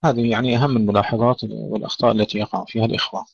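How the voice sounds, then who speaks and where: A man's voice: mid-range voice, fairly even intonation, gravelly, breathy edge, dry recording. Man teaching Quran recitation rules. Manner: demonstrates words slowly and corrects common mistakes. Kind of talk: tajweed lesson with slow recited examples. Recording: dry, dull lo-fi audio.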